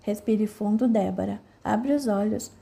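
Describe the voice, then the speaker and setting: A woman reading the lines of a kind, responsible young man in an audiobook, in a calm and reassuring way. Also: medium pitch, unhurried, gravelly. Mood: calm, caring.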